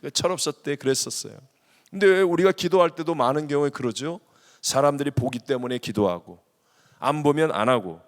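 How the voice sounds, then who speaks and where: Animated preaching pastor, man, hall reverb. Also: on the high side, brisk. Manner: animated preaching, mimics prayers, swings from loud to hushed. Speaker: senior pastor. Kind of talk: sermon. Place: large church sanctuary.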